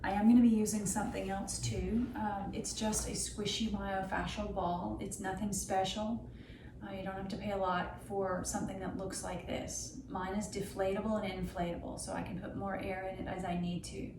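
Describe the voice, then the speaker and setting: Middle-aged woman, therapist instructing, measured explanatory delivery, distant microphone, noticeable background noise. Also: mid-range voice, flat delivery, reverberant. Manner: measured, explanatory, uses anatomical terms. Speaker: physical therapist and yoga instructor. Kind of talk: instructional health vlog, talking to camera.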